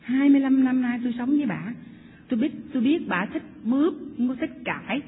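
A woman's voice: high voice, expressive, fast talker, slight background noise. A woman voicing a plain-spoken middle-aged husband, earnestly listing what he does for his wife. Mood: defensive. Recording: echoey hall over tinny line.

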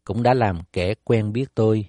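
Guy reading bible verses, slow and formal, warm dark voice. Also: lowish voice, dry recording, studio quality. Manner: measured, formal recitation. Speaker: scripture reader.

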